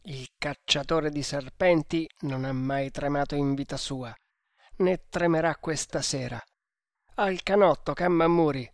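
A man's voice: fairly high pitch, steady tone, measured pace, no room sound, studio quality. A man voicing a proud, fearless snake hunter who gives curt, commanding orders in an audiobook. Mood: defiant.

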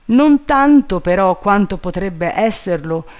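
A man voicing an eager, simple-minded male servant calling down from a tree, in a high, drawling, plaintive voice. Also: lively intonation, measured pace, smooth.

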